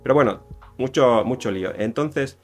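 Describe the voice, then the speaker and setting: A man's voice: mid-range voice, moderate pace, soft background music. A man with a Spain Spanish accent, casually explaining a cultural topic in a rambling way, full of fillers and self-corrections. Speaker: YouTuber explaining Japanese culture.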